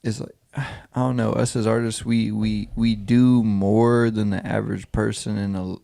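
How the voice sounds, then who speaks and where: A man's voice: on the low side, level tone, normal speed, vocal fry, warm tone. A man in his late twenties co-hosting a podcast, talking in a reflective, rambling way with many restarts. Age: 20s. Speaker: podcast co-host. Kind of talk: casual chat.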